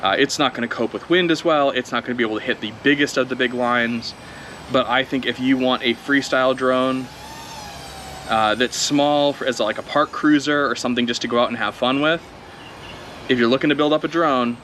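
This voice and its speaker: A man talks casually outdoors, his voice bright and a little forceful as he thinks aloud mid-flight. A faint outdoor hum sits behind him. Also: medium pitch, fairly quick. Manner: relaxed, chatty, thinking aloud while flying. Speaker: drone video creator. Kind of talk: casual first-flight commentary.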